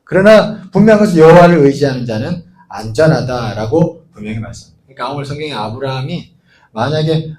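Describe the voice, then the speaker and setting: A man's voice: medium pitch, animated, quick pace, darkish tone. A man preaching a sermon as a pastor, telling a story in a chatty way and often turning to the congregation with questions. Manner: conversational storytelling with rhetorical asides. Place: church.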